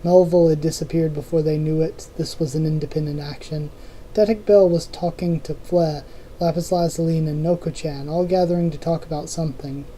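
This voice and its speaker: A hoarse host reads a novel aloud informally, stopping for quick asides and restarting or correcting fumbled lines. His tone is deep and mellow at a middling pitch, and the delivery stays relaxed and unpolished. The audio is poor, with a little hiss or hum.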